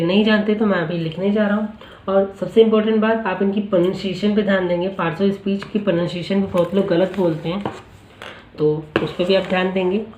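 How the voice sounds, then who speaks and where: A male teacher explaining a spoken-English lesson in Hindi, asking the class rhetorical questions and repeating each word slowly for pronunciation practice. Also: sits high, darkish tone, reverberant, lo-fi sound, slight background noise.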